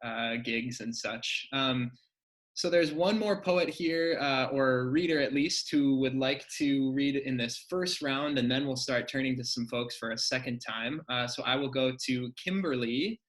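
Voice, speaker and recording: Halting, mid-pitched man hosting. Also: a bit bright. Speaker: open mic host. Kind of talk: casual event hosting.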